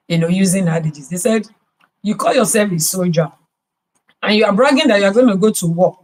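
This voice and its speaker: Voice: medium pitch, poor audio. A podcast host with a Nigerian accent giving business advice, emphatic and full of rhetorical questions. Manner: emphatic, repeats key words.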